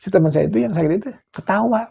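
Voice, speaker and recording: A man's voice: high-pitched, racing, gravelly, husky. A middle-aged man from West Java with a Sundanese accent, telling an eerie story in a casual chat, acting out what people said and sometimes dropping to a near whisper. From West Java, Indonesia. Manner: animated, acts out quotes, drops to near whispers. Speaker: guest storyteller. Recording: dull lo-fi sound.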